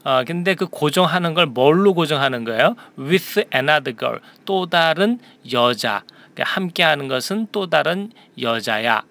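A man teaching an English lesson, explaining sentences word by word and reading lines aloud slowly for students to repeat. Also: fairly high pitch, animated, creaky, fairly bright tone. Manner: slow, deliberate English read-alouds for repeating.

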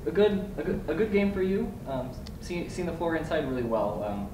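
Halting male reporter, echoey and distant. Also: fairly high pitch, big pitch swings. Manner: halting, restarts questions. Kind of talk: press conference questions. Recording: echoey room, off-mic, noisy.

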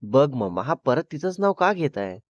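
A man's voice: mid-range voice, very animated, moderate pace, no echo, natural voice. A male storyteller voicing a jealous, possessive young woman who snaps back in pouting retorts, heard in a slightly dull lo-fi recording. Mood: sulky.

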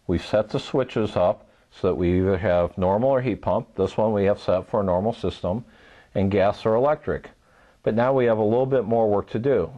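A man calmly walking through a step-by-step how-to demonstration, patient and methodical, repeating key points. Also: on the low side, lo-fi sound. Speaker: home repair instructor.

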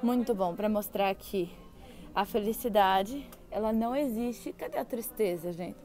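A woman's voice: mid-range voice, a little slow, warm tone. A young woman from Brazil chatting and gushing to her viewers while browsing gift shops. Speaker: travel vlogger. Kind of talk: casual vlog walkthrough. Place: indoor gift shops at a theme park.

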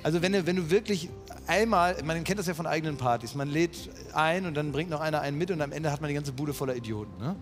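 A man's voice: a little high, animated, fast talker, music in the background. A man in his thirties or forties, bantering and rambling as a player on a TV quiz show. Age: 30s to 40s. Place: large TV studio with audience.

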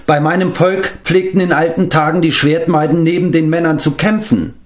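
A man reading aloud and voicing a spirited, proud young girl with a sharp tongue. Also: mid-range voice, animated, voice pushed up, lightly acted. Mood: indignant. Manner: indignant, quick, sharp-tongued. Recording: roomy echo.

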